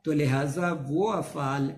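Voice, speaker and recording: A man's voice: fairly high pitch, slow. A man with a Pakistani Urdu accent teaching a grammar lesson, explaining patiently and listing many repeated examples. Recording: echoey room with faint ambient noise.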